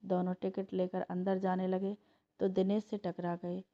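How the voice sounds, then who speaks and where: A woman reading a family story aloud in a plain, steady way. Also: lowish voice, unhurried. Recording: dull lo-fi recording.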